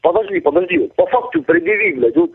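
A man on a phone call, shouting angrily, swearing nonstop and demanding explanations. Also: sits high, huge pitch swings, quick pace, creaky, breathy edge, no room sound. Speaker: prank call target. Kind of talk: angry phone argument. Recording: tinny dry phone line.

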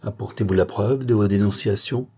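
A man doing a calm, upright minister. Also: fairly low pitch, slightly rough. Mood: questioning. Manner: measured, questioning. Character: stern honest male minister, composed.

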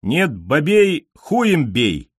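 A man voicing a cocky, foul-mouthed male pigeon who jeers in slow, drawn-out, mocking cries in an animal storybook reading. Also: mid-range voice, sing-song, no echo, studio quality, voice pushed up. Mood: jeering.

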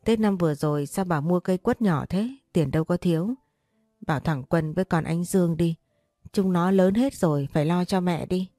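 A woman's voice: on the low side, moderate pace, dark tone, dry recording, clean studio sound, close to an everyday voice. A woman voicing the spirit of a dead older father, tender and pleading with his family in an audio story. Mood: grieving.

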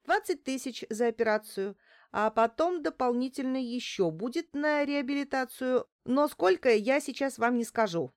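A woman voicing a frightened, greedy middle-aged woman gynecologist in an audiobook, her voice pitched higher and begging. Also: normal speed, no room sound, studio quality, close to an everyday voice. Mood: businesslike.

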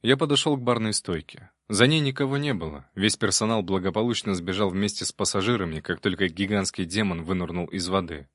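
A man's voice: low-pitched, a little fast, few pauses, fairly bright tone, no echo, clean studio sound. A man reading a first-person audiobook in a wry, conversational storytelling manner. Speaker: audiobook narrator.

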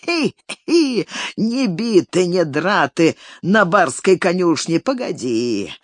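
Reader voicing an old peasant man, shrill, squealing, giggling, jumpy pitch, dry close sound. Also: sing-song, takes it slowly, no room sound. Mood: furious. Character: cantankerous old peasant father, shrill and wheezing.

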